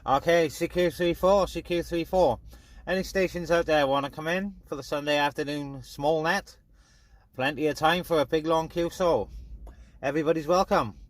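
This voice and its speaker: This British man has a fairly high voice and a moderate pace as he chats casually on CB radio and to his viewers as a radio hobbyist vlogger. The recording is dry, with noisy, clicky radio hiss.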